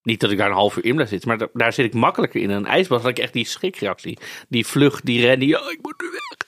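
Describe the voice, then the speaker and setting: A man co-hosting a podcast in casual conversation, informal and thinking out loud as he goes. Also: mid-range voice, lively intonation, quick pace, no room sound, clean studio sound. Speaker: podcast co-host.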